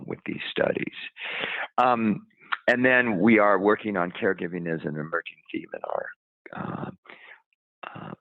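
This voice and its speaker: A man giving an academic presentation over the phone, halting, with many ums and restarts. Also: low-pitched, gravelly, breathy edge, no echo. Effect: heard over the phone. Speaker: research center director presenting. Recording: tinny phone line, dry.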